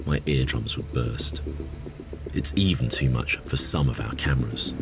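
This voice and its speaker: A man narrating a science documentary as a calm, scripted voice-over. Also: rumbling low. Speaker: documentary presenter. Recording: voice-over over loud music.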